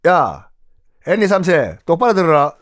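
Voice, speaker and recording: A man doing a gruff greedy pope with a Gyeongsang accent. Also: a little high, big pitch swings, moderate pace. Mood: scoffing. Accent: Gyeongsang dialect. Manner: rough, scolding, bossy. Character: gruff older male pope, greedy and blunt.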